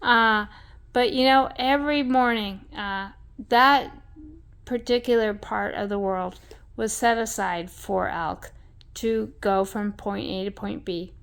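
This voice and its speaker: A woman's voice: medium pitch, slow, gravelly, fairly bright tone, clean tone. A woman telling a rambling story in a blunt, salty way, full of fillers and asides. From American West.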